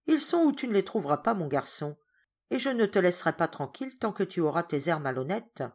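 A woman voicing a stern, sharp-tongued governess who scolds firmly. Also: fairly low pitch, lively intonation, normal speed. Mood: scolding. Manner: firm, scolding.

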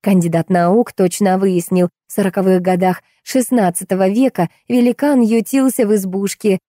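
A woman narrates a first-person novel, lively and wry, with playful lifts in her telling. Her voice is mellow and relaxed, and the recording is close and dry with no room sound. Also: mid-range voice, no room sound. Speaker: audiobook narrator.

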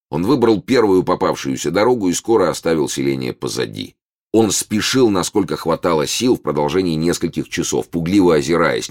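A man narrating a classic novel as an audiobook, with expressive storytelling. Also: rumbling low, gravelly.

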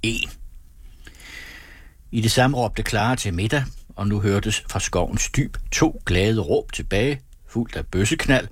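A man reads a story aloud in a measured, steady audiobook narration. His voice sits low and slightly husky, recorded close in a dry room with no echo.

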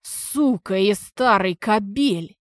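A woman reading an audiobook, voicing an enraged middle-aged man who roars slow heavy curses. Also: medium pitch, warm tone, no room sound, studio quality, natural voice. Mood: roaring. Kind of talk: audiobook character voice.

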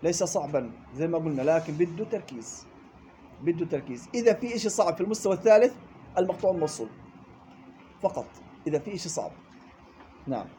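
A man's voice: on the high side, very animated, rapid-fire, pauses often, mellow, slight background noise. A man teaching a classroom lesson on Quran recitation rules, explaining step by step, repeating key points and checking with his students. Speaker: tajweed teacher.

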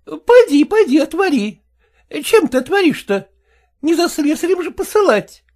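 A woman voicing an exasperated middle-aged mother who defends herself and tries to calm her husband, in an audiobook reading. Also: high-pitched, normal speed. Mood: defensive. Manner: defensive, pleading.

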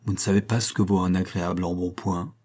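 A man's voice: low-pitched, steady tone, fast talker, a little mellow. A man voicing a bossy, fussing older woman who gives orders in an audiobook. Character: Madame Jourdeuil, bossy older woman, gluttonous.

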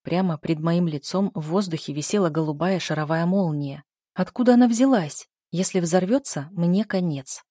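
A woman narrating a first-person audiobook in a measured, even storytelling manner. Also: lowish voice, dry recording, studio quality.

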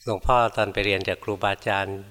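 An older man, a monk teacher, giving a calm, unhurried Dharma talk and gently admonishing listeners as he answers their practice reports. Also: low-pitched, in a large hall.

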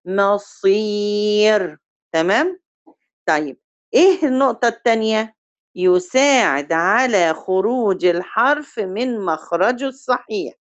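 Reviewing recitation with her class, an Egyptian Arabic-accented woman tests her students and draws example words out slowly as demonstrations. Her mid-range voice is animated, and the recording has its highs cut off.

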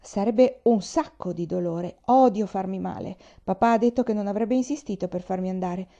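A woman's voice: medium pitch, moderate pace, dark tone, highs cut off, natural voice. A woman reading aloud, voicing a sensitive, dreamy young boy who fears pain, in a plaintive, pleading way.

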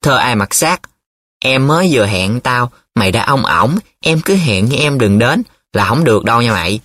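A man's voice: medium pitch, lively intonation, normal speed, a bit bright, dry recording. A man voicing a flustered, secretive young male student in love who talks in a hesitant, defensive way, in an audiobook.

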